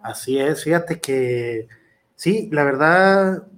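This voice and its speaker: Mexican wrestler, higher-pitched man. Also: expressive, slow, a bit bright. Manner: earnest, rambling with many fillers and restarts. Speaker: professional wrestler. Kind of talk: conversational interview answers.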